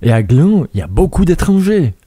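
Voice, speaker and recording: A man's voice: on the high side, sing-song, brisk, warm tone, husky, no room sound, clean studio sound. A man putting on an exaggerated Vaud accent, playing a fretful, conservative pub regular. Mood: grumbling. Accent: exaggerated Vaud (Swiss French). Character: fearful conservative Vaud barfly, grumbling politics.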